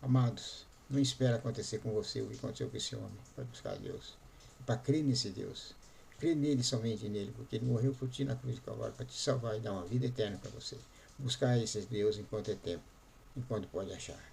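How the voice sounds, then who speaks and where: Gravelly-voiced pastor. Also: male voice, on the low side, a little mellow, a little hiss or hum. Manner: repetitive, emphatic storytelling. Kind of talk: sermon storytelling.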